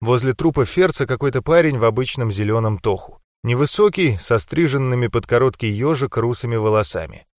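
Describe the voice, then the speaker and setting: A man's voice: medium pitch, no echo, studio quality. A man narrating a first-person audiobook in a grim, tense manner.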